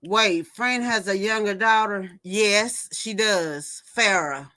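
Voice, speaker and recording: A woman's voice: mid-range voice, takes it slowly, bright, forceful tone. A woman in her fifties hosting a casual livestream, gossiping and reading viewer comments aloud before reacting to them. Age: 50s. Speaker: livestream host. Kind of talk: casual chat.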